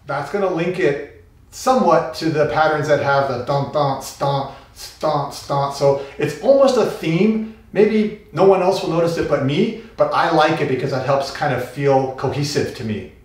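A man's voice: fairly high pitch, normal speed. A man teaching a taiko solo, thinking aloud and vocalizing drum rhythms as he works. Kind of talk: instructional talk. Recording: very echoey room, mic far off.

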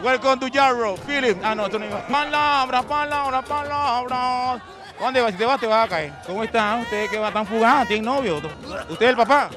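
A man with a Panamanian accent doing loud, teasing comic street interviews at a stadium, often shouting. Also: high-pitched, fast. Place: outdoors at a stadium crowd. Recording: music and crowd noise. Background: crowd and music.

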